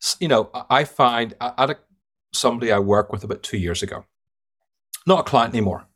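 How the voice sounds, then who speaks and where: His mid-range voice has a fairly bright tone and a quick pace. He is an Irish-accented sales trainer, a guest on a podcast interview, who tells stories with emphasis and doesn't soften his verdicts.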